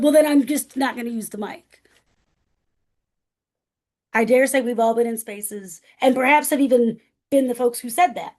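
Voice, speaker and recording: A professor appears as a guest presenter, a woman with a somewhat high, loud, carrying voice. She talks emphatically in a conversational presentation style, frequently checking in with "right?".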